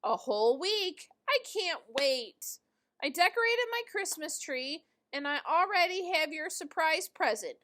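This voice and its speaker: A woman voicing an eager, impatient, childlike big male bird from a storybook, excitable and pleading. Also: high voice, measured pace, full character voice.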